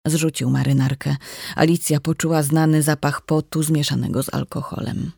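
A narrator reading a novel aloud at an even, measured pace. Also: mid-range voice, vocal fry, husky, dry recording, studio quality. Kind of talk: scripted audiobook narration.

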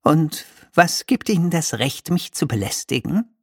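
A man's voice: on the high side, sing-song, unhurried, a little mellow, dry recording, clean studio sound, voice pushed up, exaggerated voice. A man reading an audiobook, voicing a nervous, blustering male wizard who stammers when flustered.

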